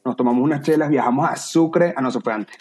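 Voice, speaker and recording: Husky Venezuelan man, chatty podcast guest. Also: mid-range voice, quick pace, a little mellow. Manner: talkative, earnest, slips into playful voices. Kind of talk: casual podcast chat.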